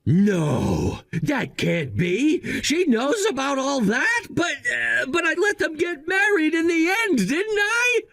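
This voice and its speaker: A man's voice: very high-pitched, wildly swooping pitch, drawn-out words, gravelly, few pauses, fairly bright tone, exaggerated voice. A man playing a disgraced, self-pitying husband in a dramatized story, whiny, defensive and desperate. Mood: panicked.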